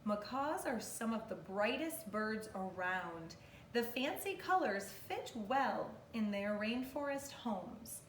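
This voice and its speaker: A woman in her thirties, a kindergarten teacher, reads aloud to young children in an expressive, instructive way, asking them questions as she goes. Her mid-range voice moves slowly. It was recorded indoors in her living room on a camera or phone a few metres away, so the sound is roomy and distant with faint noise.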